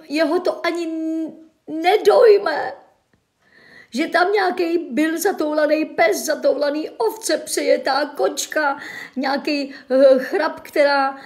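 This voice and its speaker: Woman streamer, high pitched, sarcastic and theatrically sorrowful, chatting casually with her viewers. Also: darkish tone. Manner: mock-tearful, sarcastic, melodramatic sighing. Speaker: livestreamer reading local news and chat. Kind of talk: casual livestream chat.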